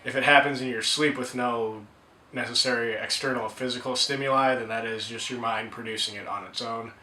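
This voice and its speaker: Bright-voiced young man in an echoey room. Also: mid-range voice, steady tone, brisk. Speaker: interviewee. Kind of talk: casual interview answer.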